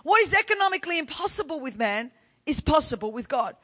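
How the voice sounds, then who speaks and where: High-pitched bright Australian woman preacher. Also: very animated, fast. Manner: emphatic, rising to loud exhortation. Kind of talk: sermon.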